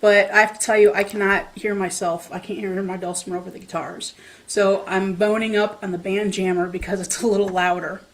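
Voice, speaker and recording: In a casual chat about a local jam, this dulcimer player leans on fillers and pokes fun at herself. She speaks briskly in a mid-range voice with little pitch movement, using a home mic setup while playing in her room.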